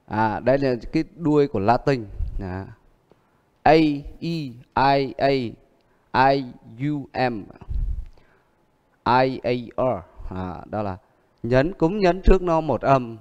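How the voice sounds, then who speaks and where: A man teaching English word stress, explaining in a calm lesson voice and repeating each example word several times. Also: medium pitch, slow, clear, resonant tone, in a large hall, muffled recording. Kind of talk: exam prep pronunciation lesson.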